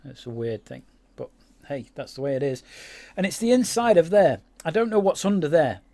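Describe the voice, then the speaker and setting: A man's voice: on the high side, big pitch swings, normal speed, dark tone. Chatty man narrating gameplay. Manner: rambling, chatty, lots of fillers and restarts. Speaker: game YouTuber. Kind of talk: casual gameplay commentary.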